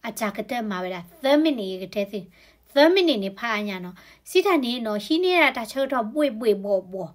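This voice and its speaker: Woman, fairly high voice, health talk, conversational, tag particles. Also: animated, moderate pace, darkish tone. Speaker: health educator.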